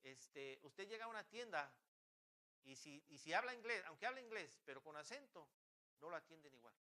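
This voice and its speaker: Fervent high-voiced man preaching. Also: sing-song, moderate pace, bright, forceful tone. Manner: fervent, rhetorical questions, frequent restarts. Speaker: pastor. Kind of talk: sermon. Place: church.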